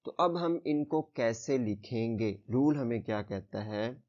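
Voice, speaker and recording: Patient man teaching braille, mellow voice. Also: mid-range voice, lively intonation, unhurried. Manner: patient, repeats "theek hai" and "okay" to check understanding. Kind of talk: step-by-step lesson explanation. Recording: slightly dull lo-fi sound.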